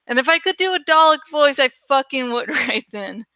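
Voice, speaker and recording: An online creator and host chats casually while working on a graphic, thinking aloud, rambling, swearing and sometimes groping for words. Her voice sits high, animated and pushed bright, at normal speed. The studio-quality recording has no room sound.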